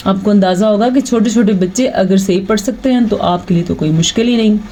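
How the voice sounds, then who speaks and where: A woman teaching Quran recitation, explaining patiently and reciting verses in a slow chant. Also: mid-range voice, mellow, a little hiss or hum, rough recording. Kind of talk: online tajweed lesson.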